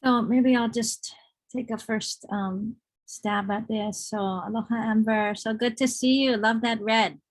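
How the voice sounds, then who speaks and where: A woman's voice: fairly high pitch, steady tone, unhurried, poor audio. A woman panelist speaking at a symposium. She talks reflectively and with animation, adding emphatic asides.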